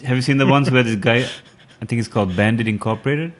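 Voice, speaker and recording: Relaxed aussie guy chiming in on a podcast, mid pitch. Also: fast, slight background noise. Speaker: podcast co-host.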